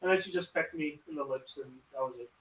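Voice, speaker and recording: Young male streamer, high tenor, animated ranting host. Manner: animated, ranting, quick asides. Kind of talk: casual live-stream chat.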